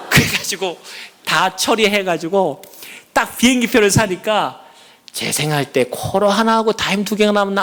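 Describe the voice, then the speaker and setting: A man's voice: high-pitched, fairly bright tone. A man, a church elder, giving a sermon testimony, telling his story and acting out his own prayers and conversations. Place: large church sanctuary. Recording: reverberant church hall.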